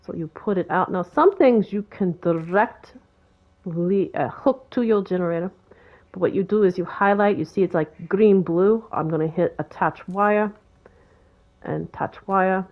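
Unhurried and on the low side, a Boston-accented woman talks her way through a game tutorial with loose, chatty commentary. The audio comes across dull.

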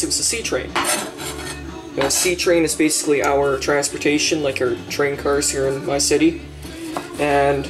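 A young man chatting casually while cooking in his home kitchen, rambling with lots of fillers and the odd swear word. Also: fairly high pitch. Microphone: handheld camera mic. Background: music playing in the kitchen.

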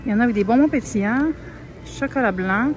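A woman's voice: a little high, quick pace, a little hiss or hum, rough recording. Chatty Québécois woman shopping. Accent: Québécois French. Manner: chatty, lots of fillers, soft asides. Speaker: vlogger. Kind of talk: casual shop-with-me narration. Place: large grocery store, indoors. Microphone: handheld phone camera. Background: faint store music.

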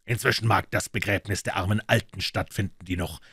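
A man reading an audiobook, voicing an urgent, commanding detective with a brisk delivery. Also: lowish voice, fairly even intonation, sharp tone, breathy edge, no room sound, studio quality, exaggerated voice. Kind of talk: audiobook character voice.

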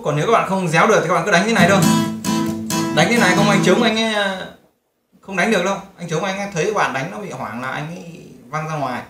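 A man giving a casual guitar lesson, explaining chords and strumming and breaking into hymn lines. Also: a little high. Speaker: guitar teacher. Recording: roomy sound with loud guitar. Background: loud guitar playing.

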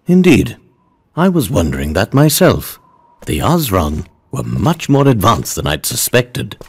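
An actor playing a thoughtful, composed gentleman professor in an animated game. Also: fairly low pitch, unhurried, breathy edge, heavily acted.

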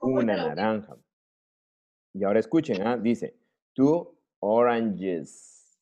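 A male teacher with a Peruvian Spanish accent leads an online lesson at an unhurried pace, his pitch rising and falling a lot. His voice is a little husky, and the audio is muffled. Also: very animated, warm tone. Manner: patient, drills words slowly and asks "¿listo?" often. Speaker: English teacher.

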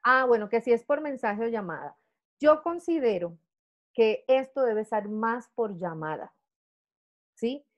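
A woman, a sales director coaching consultants in an online training talk, lively and chatty, checking in with "¿verdad?" and "¿sí?". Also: a little high, unhurried, highs cut off.

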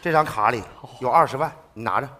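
Man playing a brisk, bragging brother-in-law. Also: mid-range voice, noisy background, natural voice. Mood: boastful. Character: generous older brother-in-law, boastful. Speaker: comedy sketch actor. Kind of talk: stage comedy sketch. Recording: stage mic, loud audience laughter.

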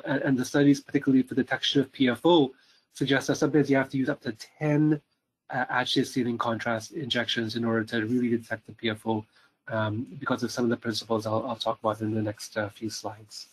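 A middle-aged Canadian man gives a cardiology lecture at hospital rounds. His voice sits at a medium pitch. He talks haltingly, filling pauses with ums and uhs and repeating words as he works through his slides. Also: breathy edge, poor audio.

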